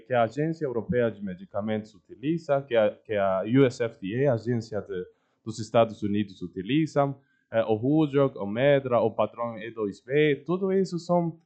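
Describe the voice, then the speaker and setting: A man gives an informal public address, halting often and repeating words. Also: medium pitch, a little mellow. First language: Spanish. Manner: halting, with repeated words and long hesitation sounds. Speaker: guest speaker at an official training event. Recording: dull, muffled event audio.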